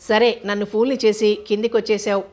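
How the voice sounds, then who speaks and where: A woman's voice: medium pitch, level tone, quick pace, a little mellow, natural voice. Woman reading as a playful young newlywed husband. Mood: teasing. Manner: teasing and fond. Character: young man, a playful affectionate newlywed doctor.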